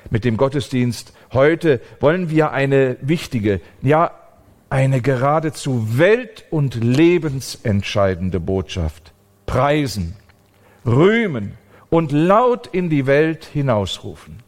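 A man's voice: mid-range voice, big pitch swings, takes it slowly, darkish tone. A man preaching an emphatic sermon at a church service.

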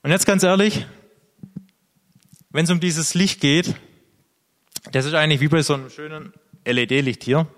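A man's voice: a little high, steady tone, a little slow, pauses often, long reverb tail. A man preaching a sermon, speaking earnestly and directly to the congregation.

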